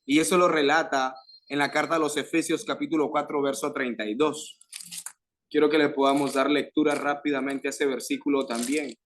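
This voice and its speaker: A man's voice: on the high side, steady tone, a bit bright. Fervent Venezuelan man preaching. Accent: Venezuelan Spanish. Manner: fervent, with rising emphatic phrases and pauses. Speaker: youth preacher. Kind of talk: sermon.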